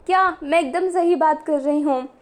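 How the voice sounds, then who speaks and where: A woman's voice: high-pitched, moderate pace, natural voice. Woman voicing a bold, stubborn mother. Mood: defiant. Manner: emphatic, coaxing. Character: bold, stubborn, loving middle-aged mother.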